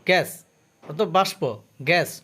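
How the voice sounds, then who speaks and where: A man's voice: high-pitched, steady tone, pushed and bright. A man teaching English vocabulary, saying each word and its meaning twice and stopping to explain the pronunciation. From Bangladesh. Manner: slow, careful drill with pronunciation notes.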